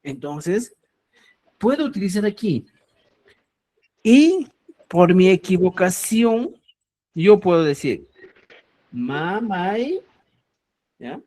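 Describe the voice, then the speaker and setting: A man's voice: sits high, lively intonation, warm tone. A man teaching a grammar lesson, explaining step by step and checking in often with his students. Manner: explains slowly, checks in with a frequent "¿ya?"; addresses listeners as "estimados amigos". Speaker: Quechua teacher.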